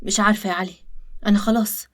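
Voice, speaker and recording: A woman with an Egyptian accent voicing a tired young woman complaining of her hard life, in an animated story. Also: medium pitch, very fast, natural voice. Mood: weary. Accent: Egyptian Arabic. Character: weary young woman, secretly plotting.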